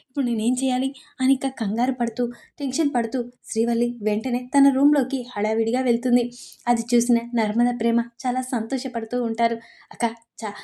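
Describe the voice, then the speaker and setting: A woman narrates a TV serial episode in a warm, mellow voice pitched a little high. She tells it steadily, with many fillers, and quotes each character's lines as she goes.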